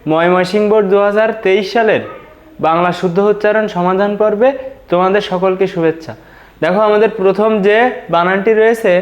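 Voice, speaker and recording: High-voiced man teaching syllable by syllable. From Bangladesh. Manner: slow, syllable-by-syllable spelling out, repeats "dekho". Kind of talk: exam prep pronunciation lesson.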